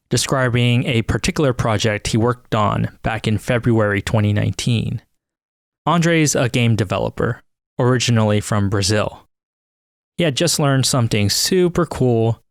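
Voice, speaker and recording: A man's voice: medium pitch, creaky, no echo, studio quality. A man hosting a podcast, narrating in a scripted, wry and self-deprecating way. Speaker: podcast host.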